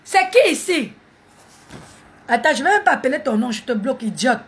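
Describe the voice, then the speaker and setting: A woman's voice: sits high, animated, very fast, a bit bright. A woman, mocking and scolding viewers in a heated live stream on her phone. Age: 40s.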